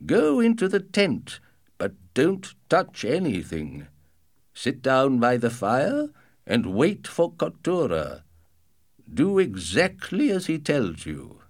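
A man voicing an old nomad father, giving slow, careful instructions to his daughter. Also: mid-range voice, wildly swooping pitch, pitched above the performer's own voice, exaggerated voice. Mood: earnest.

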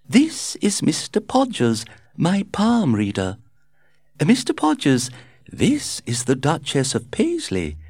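A man's voice: fairly high pitch, darkish tone, dry recording, clean studio sound, pitched above the performer's own voice, exaggerated voice. A man voicing a flamboyant, gossiping society hostess in a theatrical, gushing way.

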